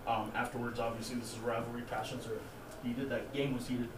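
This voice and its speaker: A male reporter asking questions at a press conference, quick and even. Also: medium pitch. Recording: distant echoey room mic with noise.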